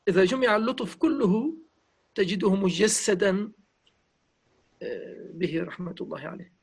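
High, gravelly man. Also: moderate pace. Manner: gentle, reverent, repeats phrases softly. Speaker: interviewee. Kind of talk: reminiscing conversation.

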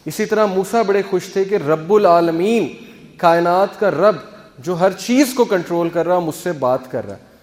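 Mixing English words into an earnest religious talk, a male teacher keeps things conversational and illustrates his points with everyday examples. He has a high-pitched, slightly mellow voice, heard through long hall reverb.

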